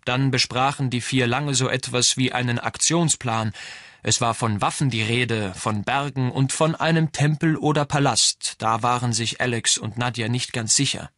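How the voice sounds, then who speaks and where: A man reading a novel aloud as audiobook narrator, in an even storytelling delivery. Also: medium pitch, normal speed, dry recording, clean studio sound. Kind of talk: scripted narration.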